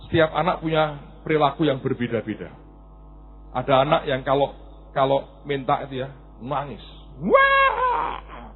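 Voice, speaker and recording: A middle-aged man preaching a sermon as a pastor, animated and acting out stories. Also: mid-range voice, moderate pace, long pauses, slight background noise. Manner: animated, acts out stories and voices. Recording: tinny phone-like recording.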